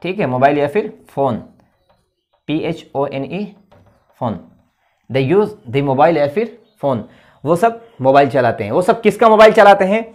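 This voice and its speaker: A man's voice: a little high, big pitch swings, normal speed, darkish tone. A man teaching an English grammar lesson online, explaining patiently and repeating key points with frequent checks.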